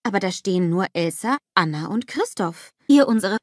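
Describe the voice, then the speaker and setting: A woman narrating a children's storybook in a scripted, expressive storytelling manner on a close studio mic. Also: lowish voice, moderate pace, dry recording. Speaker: audiobook narrator.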